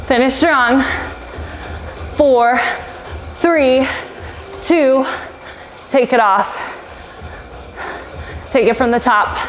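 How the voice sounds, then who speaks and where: Pedaling hard, this woman instructor urges her spin class along in brief, punchy bursts of motivation. She speaks high, drawing out words and pausing often, with loud workout music playing behind her.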